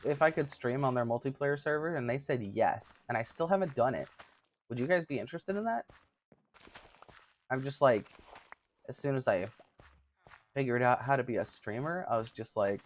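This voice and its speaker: A streamer in his thirties chats casually with his livestream viewers in a somewhat high-pitched voice. He's giggly and talkative, often poking fun at himself.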